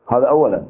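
A man with an Iraqi Arabic accent teaching a seminary lecture on legal theory, arguing his point through rhetorical questions. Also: medium pitch. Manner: argumentative, poses rhetorical questions. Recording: tinny narrow-band recording.

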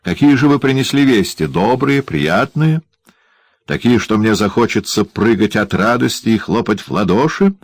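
A man's voice: on the low side, animated, moderate pace, no echo, voice pushed up. A man voicing a spiteful, cruel male dwarf who jeers and snarls in an audiobook. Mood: mocking, snarling. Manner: jeering, shouting, sneering. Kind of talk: audiobook character voice.

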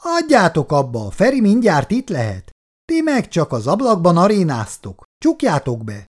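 A man's voice: high-pitched, wildly swooping pitch, heavily acted. A man reading a story aloud and voicing a sensible young daughter who speaks firmly. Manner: firm.

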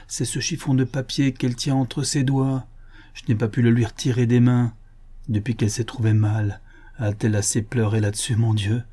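A man's voice: mid-range voice, warm tone, natural voice. A man voicing a bitter, infirm old woman who scolds and laments, in an audiobook reading.

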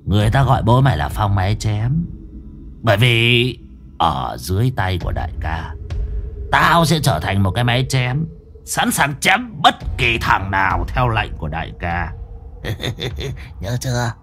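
A man's voice: lowish voice, big pitch swings, unhurried, fairly bright tone, faint music behind. A man voicing a brutal, sneering henchman who hisses his threats through cruel laughs. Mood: sneering cruelty.

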